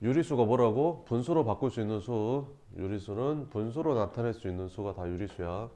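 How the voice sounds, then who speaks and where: A man's voice: lowish voice, expressive, normal speed, mellow. A man teaching a math lesson, walking students through each step by asking questions and answering them himself. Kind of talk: recorded math lesson explaining problems. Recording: slightly dull lo-fi recording.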